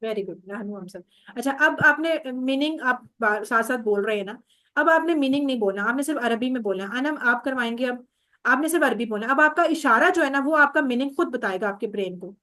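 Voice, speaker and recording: A woman's voice: high voice, expressive, a little fast, pushed and bright. A woman teaching an online Arabic class, patiently repeating each word over a video call.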